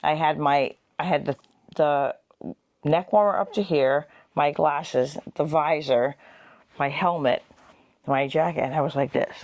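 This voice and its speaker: A woman co-hosting a travel vlog, telling stories in an animated, laughing way. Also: sits low, a little slow, no room sound. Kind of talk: casual travel chat.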